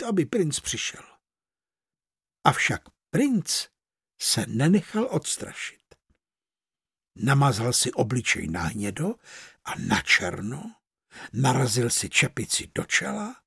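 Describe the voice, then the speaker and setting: An expressive narrator reading a fairy tale aloud, slowing on key words. The voice is husky and swings widely in pitch. It sounds close and dry, with no room around it. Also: no echo. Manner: expressive storytelling, slows for emphasis.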